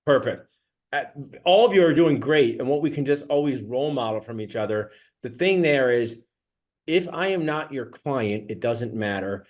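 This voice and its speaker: A man's voice: medium pitch, expressive, moderate pace, darkish tone. A man hosting a rehearsal for sponsor introductions, enthusiastic and coaching, laughing often. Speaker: host running a sponsor rehearsal. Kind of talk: coaching, casual and upbeat.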